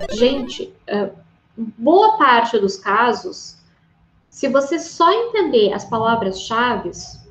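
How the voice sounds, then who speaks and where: A Brazilian woman teaches a casual online language lesson in a fairly high voice, chatting along and checking in with her listener. The sound is roomy and a little dull. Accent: Brazilian Portuguese. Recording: roomy, slightly dull recording.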